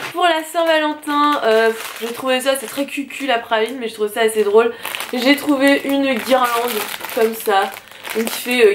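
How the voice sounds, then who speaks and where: A young woman chatting casually through a shopping haul vlog, filling pauses with frequent hesitations and light laughs. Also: on the high side, a little hiss or hum. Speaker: vlogger.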